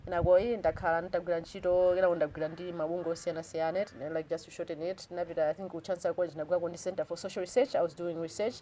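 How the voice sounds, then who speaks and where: Fast-talking Malawian woman, earnest guest. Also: lowish voice, fairly even intonation, warm tone, slight background noise. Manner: earnest and reflective, switches languages mid-sentence. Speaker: interview guest. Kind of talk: casual interview conversation.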